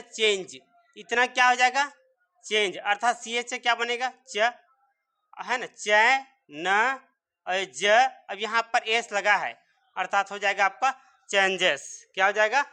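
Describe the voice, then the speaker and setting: Bright-voiced male teacher drilling pronunciation. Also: high-pitched. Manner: repeats rhetorical questions and answers them himself; sounds out words letter by letter. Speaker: English teacher. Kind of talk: classroom-style spelling and pronunciation lesson.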